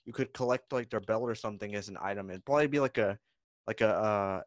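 A man's voice: on the low side, quick pace, no echo. A man co-hosting a casual podcast chat, laid-back and rambling, often ending lines with "man". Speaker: podcast co-host.

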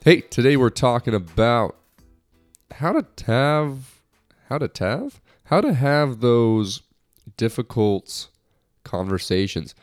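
A young American man hosts his own solo podcast, speaking slowly and expressively at a medium pitch over soft background music. He's lighthearted and rambling, restarting his sentences often, and he sounds slightly nasal from a recent cold.

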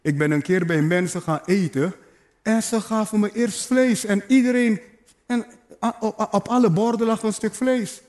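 A pastor preaches to his congregation, urging them on with repeated phrases, playful asides and calls to the listeners. His voice sits high and a little mellow, at a normal speed.

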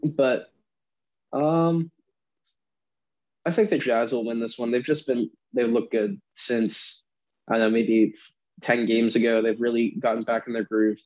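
A man's voice: mid-range voice, steady tone, measured pace, long pauses, a little mellow. A young American man co-hosting a casual sports chat, giving his picks, on dull lo-fi audio. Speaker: sports talk co-host.

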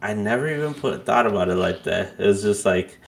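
A man's voice: fairly low pitch, lively intonation, fairly quick, vocal fry. A man in his twenties co-hosting a podcast, chatting casually and rambling with lots of "like" fillers. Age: 20s. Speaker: podcast co-host. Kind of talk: casual chat.

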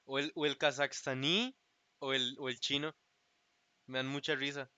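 A man's voice: medium pitch, level tone, moderate pace, pushed and bright, no room sound. A man with a Costa Rican accent co-hosting a podcast, chatting casually in loose slang and often laughing mid-sentence. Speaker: podcast co-host. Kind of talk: casual chat.

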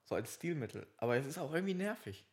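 A man's voice: on the high side, sing-song, fast, darkish tone. Rambling young man in casual banter. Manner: rambling, self-correcting, laughing often. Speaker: podcast co-host.

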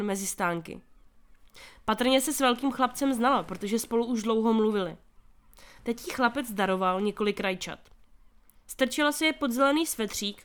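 A woman reading a children's story aloud as narrator, giving the characters' shouts strong emphasis. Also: fairly high pitch, clean tone. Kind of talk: audiobook reading of a children's novel.

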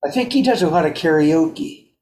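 A man's voice: fairly high pitch, expressive, moderate pace, a little mellow. Chuckling man in a roomy space. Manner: storytelling, chuckling. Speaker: guest musician. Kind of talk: casual chat. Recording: roomy echo.

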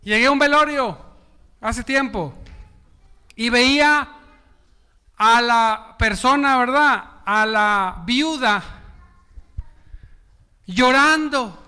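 A man preaching a sermon with call and response, animated, acting out dialogue and dropping to hushed tones. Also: very high-pitched, extremely slow, long pauses, smooth. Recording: long hall reverb.

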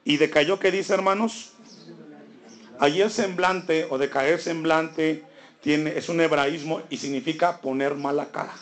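A man's voice: on the high side, steady tone, measured pace. A man preaching a sermon, asking the congregation rhetorical questions and building his emphasis. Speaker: pastor.

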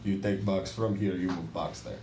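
A man's voice: low voice, steady tone, normal speed, noisy background, natural voice. A man putting on a broken-English Eastern European guy. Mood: blunt. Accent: put-on Eastern European. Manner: clipped, simple broken phrases. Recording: roomy, from far off the mic.

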